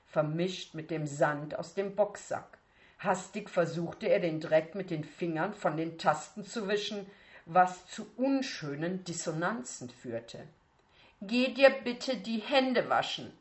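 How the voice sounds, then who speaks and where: A woman reading a story aloud, acting out the dialogue with expression. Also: deep voice. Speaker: reader. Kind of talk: audiobook narration.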